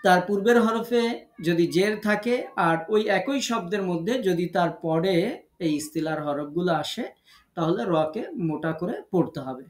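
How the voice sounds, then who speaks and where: A man teaching Quran recitation rules in an online lesson, patiently repeating each rule and drawing out example words slowly. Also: high voice. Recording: echoey room.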